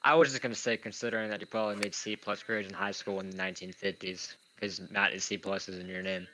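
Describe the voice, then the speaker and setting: A young man with a speech impediment that makes him say w for r commentates live on his own gameplay, casual, rambling and self-deprecating. His low-pitched voice is fast, bright and forceful with a level tone, and the poor audio has a little hiss or hum.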